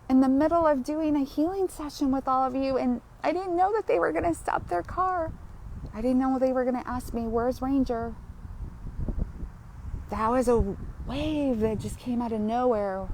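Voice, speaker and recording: A woman's voice: high voice, a little hiss or hum. A woman hosting a live-streamed grief healing session outdoors while walking, talking in a heartfelt, chatty way and often breaking into laughter. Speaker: grief support host.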